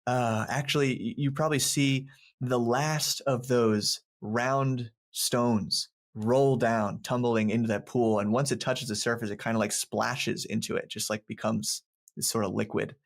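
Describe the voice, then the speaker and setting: A man with a steady, mid-range voice speaks unhurriedly. Acting as game master for a tabletop game, he narrates scenes in a rambling way full of fillers, laughing often between descriptions.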